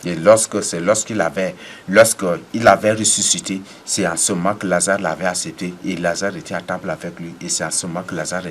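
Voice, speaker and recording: Male preacher, low register, emphatic deliverance sermon with a faint ambient hiss. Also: steady tone, brisk. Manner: commanding, repetitive declarations with sudden emphatic rises.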